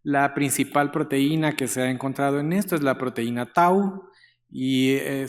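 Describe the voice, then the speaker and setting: Guatemalan guy lecturing, chatty, lots of eh fillers, middle pitch, big hall echo. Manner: conversational, with frequent "eh" fillers and light humor. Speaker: guest lecturer, neurologist. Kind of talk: conference lecture. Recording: long hall reverb.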